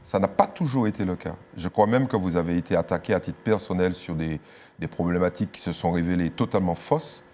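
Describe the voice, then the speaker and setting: A man's voice: sits low, fairly quick, darkish tone, slight background noise. A man hosting a TV interview, asking probing and teasing questions in a studio. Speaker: talk show host.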